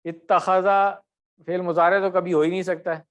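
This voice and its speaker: High-voiced man teaching a grammar class. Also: level tone, a bit bright, smooth. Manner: corrective, quizzes students by name. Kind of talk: online class lesson.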